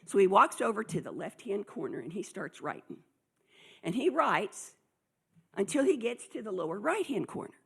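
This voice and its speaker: Woman, husky voice, lively storytelling, acts out dialogue, conference talk. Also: medium pitch, moderate pace. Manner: animated storyteller acting out dialogue. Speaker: conference speaker.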